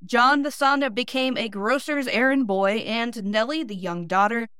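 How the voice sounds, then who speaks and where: A woman's voice: a little high, a little slow, a bit bright, clear, resonant tone, no room sound, studio quality. A woman podcast host with a Northeast Ohio accent, reading scripted history narration with small self-deprecating asides. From Midwestern United States.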